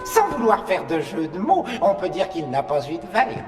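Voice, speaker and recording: Undead cartoon horror host, high swooping pitch, theatrical mockery, long echoing reverb, music behind. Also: male voice, big pitch swings, moderate pace. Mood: gleeful mockery. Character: ghoulish undead male storyteller, gleefully punning. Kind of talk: French cartoon dub, storytelling.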